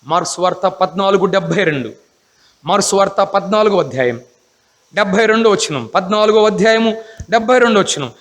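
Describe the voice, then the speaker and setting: A man's voice: high-pitched, animated, a little fast, a bit bright, big-room sound. A man preaching a Bible class sermon, emphatic, often asking the congregation rhetorical questions.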